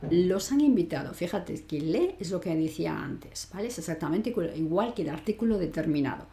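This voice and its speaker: A woman's voice: fairly low pitch, expressive, a little fast, creaky, warm tone. A woman teaching French grammar online, explaining step by step and asking rhetorical questions she answers herself. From Spain. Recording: echoey room.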